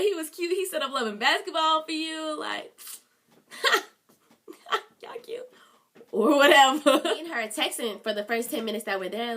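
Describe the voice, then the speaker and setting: A young woman telling an exasperated, animated storytime vlog full of slang. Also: fairly high pitch. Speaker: vlogger.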